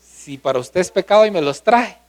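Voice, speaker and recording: A man's voice: high-pitched, expressive, normal speed. A male pastor preaching a sermon, often asking the congregation questions.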